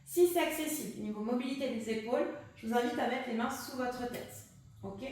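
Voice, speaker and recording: High-voiced woman guiding a pilates workout. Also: fairly quick, a little mellow. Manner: cues breathing and counts reps while exercising along. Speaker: pilates instructor. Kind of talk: guided workout instruction. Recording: echoey room, distant mic.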